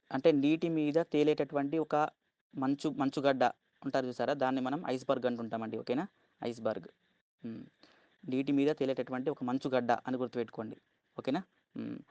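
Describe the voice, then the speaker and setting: A man with a Telugu accent teaching vocabulary, speaking slowly, spelling words out letter by letter and checking in with "okay?" after each one. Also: medium pitch, a little mellow, no room sound, highs cut off. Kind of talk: vocabulary lesson.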